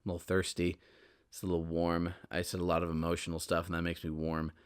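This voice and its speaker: A fast, smooth talker in his 20s, this solo podcast host has a fairly low voice and keeps things casual. He drifts, breaks into his own sentences and repeats himself. Lively throughout, he moves between strong emphasis and muted side remarks.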